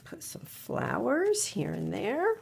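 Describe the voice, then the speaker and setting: A middle-aged craft video host, a little stuffy from a cold, chats and wonders aloud while working at her desk, often repeating words under her breath in this easygoing tutorial. Her voice runs on the high side with wildly swooping pitch, vocal fry, a slow pace, and a somewhat mellow quality. There's slight background noise, and the overhead camera shows her hands only.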